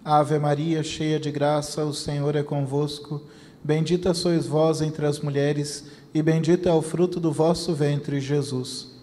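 A man with a Brazilian Portuguese accent reciting the rosary in a steady chant. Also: fairly high pitch, a little slow. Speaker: rosary prayer leader. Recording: long reverb with faint noise.

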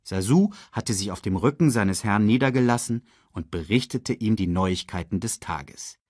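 A man reading a children's story aloud in a slow, dramatic storytelling manner. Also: no room sound, studio quality. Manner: slow and dramatic, very lively in pitch. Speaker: audiobook reader. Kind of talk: storybook narration.

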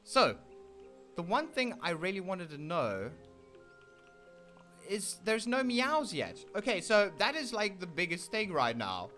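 A man with a South African accent hosting casual gameplay commentary, excitable and talking straight to his viewers. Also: sits high, measured pace, pauses often, faint music behind. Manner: excitable, keeps addressing viewers as "ladies and gentlemen"; meows and plays along as his kitten character. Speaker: gaming channel host.

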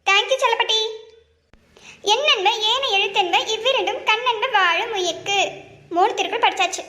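A woman doing a squeaky cartoon schoolgirl. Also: fairly quick, sharp tone, roomy sound. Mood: pleading. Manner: pleading, chirpy. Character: cheerful little schoolgirl granddaughter.

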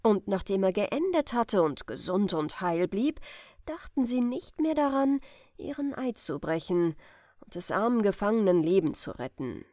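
A woman reading a classic adventure story aloud as a bedtime audiobook, calm and expressive. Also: mid-range voice, normal speed, dry recording, studio quality. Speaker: audiobook reader.

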